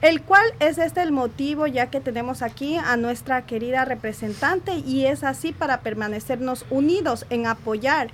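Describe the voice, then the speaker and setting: A woman's voice: high-pitched, moderate pace, few pauses. A woman co-hosting a live radio show, speaking formally to a guest with some hesitation. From Ecuador. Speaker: radio co-host. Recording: faint background noise.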